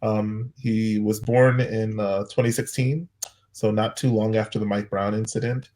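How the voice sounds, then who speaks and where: Earnest man, 30s, pastor; low-pitched, halting storyteller. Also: little pitch movement, mellow. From United States. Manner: earnest, halting, with many restarts. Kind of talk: personal storytelling in conversation.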